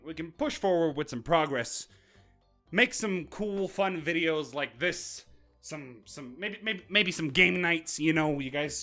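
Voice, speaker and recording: A young man vlogging to his viewers, rambling and self-mocking in an unscripted outro, talking in a raspy voice while he stands in front of the camera. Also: medium pitch, a bit bright. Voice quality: raspy put-on voice. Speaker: YouTuber. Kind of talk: unscripted vlog outro talk. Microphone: filmed standing.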